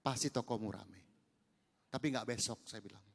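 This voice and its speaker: A middle-aged male pastor preaching a sermon, animated, moving from hushed asides to loud exhortation. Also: lowish voice, moderate pace, gravelly, husky. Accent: Indonesian. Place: large church hall. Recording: long church reverb.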